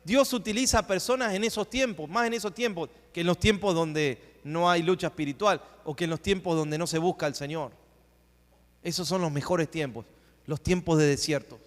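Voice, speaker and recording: A man pastor preaching a sermon, rising into emphatic swells and dropping into hushed asides. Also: on the high side, normal speed. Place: church sanctuary. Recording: long church hall reverb.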